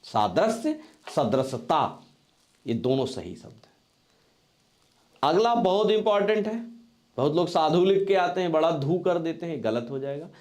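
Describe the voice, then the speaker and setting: A man teaching spelling for exam preparation, slowly repeating each word several times as he writes it out. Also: on the high side, big pitch swings, darkish tone. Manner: dictation-like drilling of correct spellings. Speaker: Hindi grammar teacher. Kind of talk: exam-prep board lesson.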